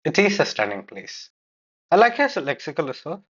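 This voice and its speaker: A man's voice: a little high, big pitch swings, normal speed, a bit bright, breathy edge, highs cut off. A man giving feedback on a speaking test, explaining corrections and replaying answers as a coach. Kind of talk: feedback commentary on a recorded test.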